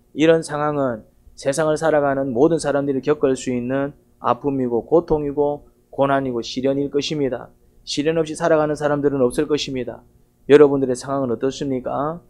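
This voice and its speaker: Dark-voiced pastor preaching to his church. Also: mid-range voice. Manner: asks the congregation rhetorical questions; retells the story vividly, like a storyteller. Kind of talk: Sunday sermon.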